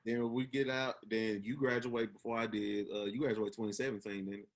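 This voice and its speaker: A Memphis man in his twenties hosts a casual podcast chat with a Southern accent, sounding earnest, encouraging, and slangy. His fairly low voice is flat and brisk, and there is a little hiss or hum in the audio.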